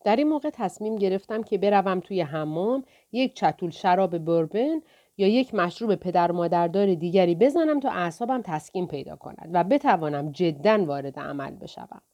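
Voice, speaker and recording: A woman narrating an audiobook in the first person with steady storytelling. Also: on the low side, dull audio. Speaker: audiobook reader.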